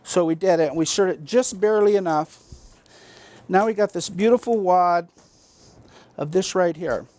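A man's voice: sits high, normal speed, long pauses, darkish tone. Folksy, chatty man hosting a cooking demo. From Massachusetts, US. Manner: folksy, chatty, talks straight to the viewers. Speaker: cooking show host. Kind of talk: homey cooking demonstration. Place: basement kitchen of a town hall.

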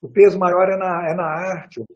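An older man, a guest lecturer, answers questions in a relaxed talk over a video call, picked up by a webcam with lo-fi sound. His high, darkish voice shows little pitch movement at a normal speed, and he wanders, restarting often and tacking on tag questions.

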